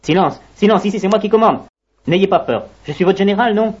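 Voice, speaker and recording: A woman's voice: mid-range voice, fairly quick, a little mellow, slightly rough, lo-fi sound, lightly acted. A woman voicing a bossy, blustering ant general who barks orders at his soldiers. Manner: commanding, blustering.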